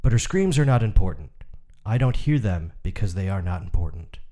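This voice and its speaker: A man reading aloud, playing a calm, matter-of-fact doctor and father who explains things patiently. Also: low-pitched, a little fast. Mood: explaining.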